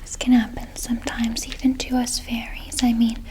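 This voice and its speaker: A woman doing a whispered role-play as a gentle, nurturing flower fairy, in a soft breathy whisper with a soothing, unhurried manner. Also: a little high, level tone, low-quality recording.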